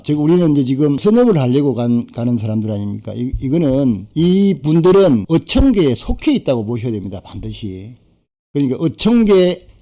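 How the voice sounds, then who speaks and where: Middle-aged man, very dark mellow voice, folksy live-stream consultant who chats and chuckles. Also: medium pitch. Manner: chatty, folksy, laughs between points. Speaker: fishing boat broker and fishing-village consultant. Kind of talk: casual live-stream talk.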